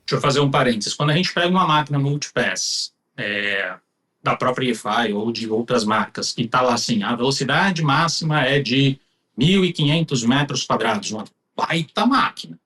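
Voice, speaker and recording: A man's voice: medium pitch, animated, normal speed, pushed and bright. A man with a Brazilian accent giving a conversational technical explanation as a specialist guest.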